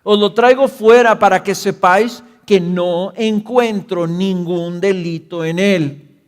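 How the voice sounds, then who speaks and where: A man's voice: high voice, fairly even intonation, takes it slowly, big-room sound, pitched above the performer's own voice. A man reading out the questions of a Roman governor in a scripture reading, with pressing, rising questions. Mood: questioning.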